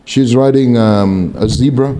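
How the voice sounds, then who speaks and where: A man's voice: medium pitch, a little slow, warm tone, a little hiss or hum. A middle-aged man, a guest comedian, emphatic and repeating his punchlines in casual podcast banter.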